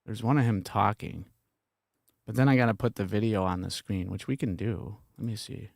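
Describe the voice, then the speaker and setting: A man's voice: lowish voice, moderate pace, creaky, slight background noise. A man hosting a stream, making offhand, casual comments as he plays recordings. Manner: offhand, mumbling asides.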